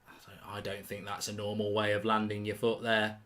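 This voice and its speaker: This man's fairly low voice is completely flat yet fairly quick and bright as he hosts a live football watchalong. He comments on the play, reads out messages from viewers, and keeps it blunt and chatty with mild swearing.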